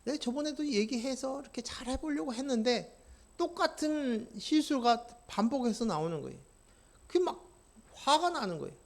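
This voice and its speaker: A male pastor preaching a sermon, impassioned and swinging from quiet to loud, often putting questions to the congregation. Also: very high-pitched.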